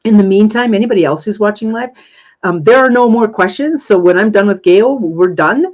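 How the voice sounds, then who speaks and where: An earnest woman in her thirties answers questions on a live spiritual Q&A. She gushes and repeats key phrases to drive them home, and her voice sits at a middle pitch on a slightly dull, lo-fi recording. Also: expressive, a little fast, darkish tone. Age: 30s. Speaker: spiritual Q&A host.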